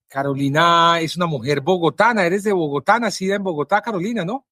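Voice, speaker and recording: A male journalist with a Colombian Spanish accent, introducing his guest and asking questions in a measured, earnest way with frequent pauses. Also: a little high, sharp tone, no room sound, clean studio sound. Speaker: journalist and interviewer.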